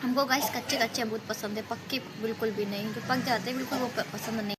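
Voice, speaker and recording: A woman's voice: fairly high pitch, steady tone, fast talker. A woman, a mother, chatting directly to viewers in a casual home vlog. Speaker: vlogger, mother. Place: home rooftop and house. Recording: clear background noise.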